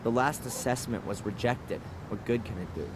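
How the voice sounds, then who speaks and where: A man's voice: mid-range voice, normal speed, noisy background, close to an everyday voice. A man voicing a sullen, sceptical suspect who is a video game's protagonist, dry and sardonic. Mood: doubtful, impatient. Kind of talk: video game voice acting.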